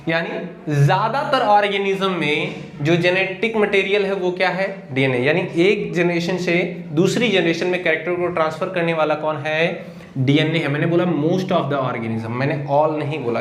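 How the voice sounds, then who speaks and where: A man teaching biology to students, asking the class questions and answering them himself, and spelling out key terms slowly word by word. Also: on the high side, fairly bright tone. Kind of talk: Hindi classroom lecture. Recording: echoey room with faint noise.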